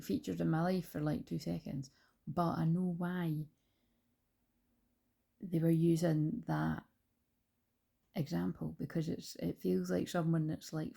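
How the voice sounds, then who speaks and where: Here a woman runs a spiritual channel, talking casually to camera from home with her dog at her side and a phone in her hand. Her voice is on the low side, gravelly and warm, slightly rough, and she rambles with many fillers and restarts.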